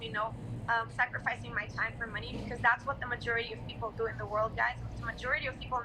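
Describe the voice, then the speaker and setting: A higher-voiced woman from Brazil chats casually into her phone on a live stream, leaning on "guys" and "like" as she rambles through questions. Traffic and street noise can be heard clearly behind her, and a steady hiss runs under the voice. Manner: filler-heavy, repeats "guys" and "like". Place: apartment in a hot humid city.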